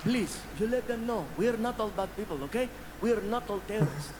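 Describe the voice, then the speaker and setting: A man's voice: sits high, expressive, a little fast. A man on stage voicing an emotional local, pleading and repeating himself with hesitant fillers. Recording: live stage recording with crowd noise.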